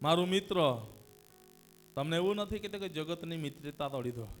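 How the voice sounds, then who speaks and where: A man preaching a sermon as pastor, leading the congregation in call and response, swinging between hushed passages and loud shouted cries of hallelujah. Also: fairly high pitch, expressive, normal speed, slight background noise. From India. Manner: repeats phrases and cries hallelujah.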